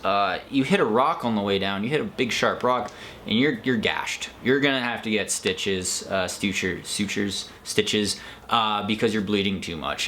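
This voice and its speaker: A man's voice: lowish voice, fairly bright tone, slight background noise. A man talking casually as a trail-running vlogger, rambling conversationally and correcting himself as he recaps. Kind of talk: casual vlog race recap.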